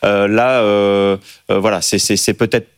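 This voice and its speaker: Halting male talk show host. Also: fairly low pitch, little pitch movement, clean tone, no room sound, clean studio sound. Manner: halting, many fillers. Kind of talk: moderating a panel discussion.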